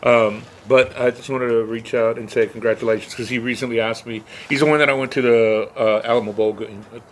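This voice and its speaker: A man's voice: medium pitch, fairly even intonation, a little fast, a little hiss or hum. A middle-aged man co-hosting a podcast in casual chat, rambling from topic to topic and swearing freely. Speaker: podcast co-host.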